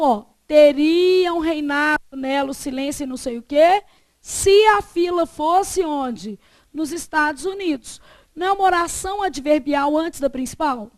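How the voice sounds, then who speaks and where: A woman teaching a Portuguese grammar lesson, lively, asking the class questions and answering them herself. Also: sits high, dry recording.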